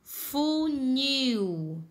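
A Brazilian Portuguese woman teaching young children, drawing out each word slowly and calling them her loves. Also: high-pitched, sing-song. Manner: affectionate, drawn-out word modeling, calls pupils "meus amores". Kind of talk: slow, sing-song children's lesson. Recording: echoey room with long reverb.

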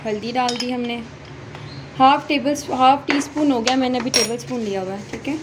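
A woman's voice: on the high side, normal speed, noisy background. A woman gives chatty step-by-step cooking instructions in her home kitchen, talking straight to viewers while holding her phone. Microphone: phone held in hand. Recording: loud frying sizzle behind. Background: frying and stirring sounds.

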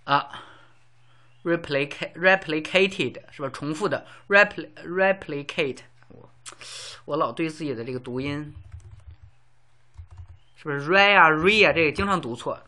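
A man's voice: on the high side, normal speed, long pauses, bright, forceful tone. A man teaching a casual lesson, explaining words with everyday examples and lots of fillers.

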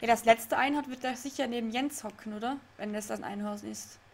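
A young woman with a fairly high, brisk voice streams a game live from a room at home. She reads and chats with her viewers, laughs often, and frequently gets confused.

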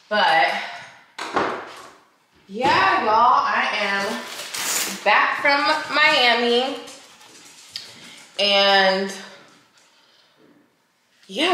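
A young woman chatting casually straight to her viewers in a slangy, easygoing way. Her voice sits on the lower side. It bounces around a roomy, echoey space. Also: a bit bright, a little hiss or hum. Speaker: vlogger. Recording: echoey room.

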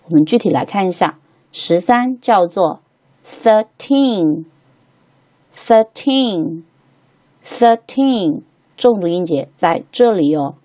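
A woman teaching English to beginners, patiently repeating each word slowly three times as she walks through a textbook lesson. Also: lowish voice, expressive, warm tone, highs cut off.

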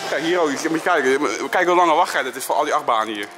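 A man with a slightly high voice talks casually to his vlog audience as he walks outside. He is chatty and informal, freely giving his opinions. Music plays clearly behind him. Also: animated, fast talker. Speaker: vlogger. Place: outdoors walking around an amusement park.

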